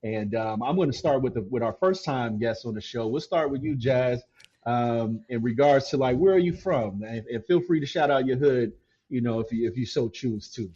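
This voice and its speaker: A man from Canton, Ohio, hosting a podcast in casual chat, relaxed and repeating words as he starts his sentences. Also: medium pitch, normal speed, breathy edge, highs cut off. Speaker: podcast host.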